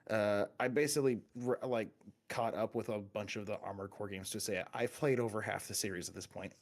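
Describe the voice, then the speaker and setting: A man's voice: on the low side, fairly even intonation, fairly quick. A man co-hosting a casual gaming podcast, talking in long rambling runs with many restarts and fillers. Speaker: podcast co-host.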